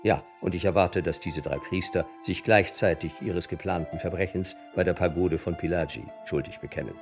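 A man voicing a calm, composed gentleman traveller in a storybook reading, speaking in a measured way. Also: deep voice, over music.

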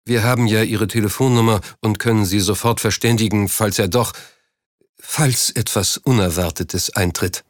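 A man reading an audiobook, voicing a hospital doctor in a measured, sober manner. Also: lowish voice, steady tone, no echo, studio quality, close to an everyday voice. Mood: formal. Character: grave, formal male hospital doctor.

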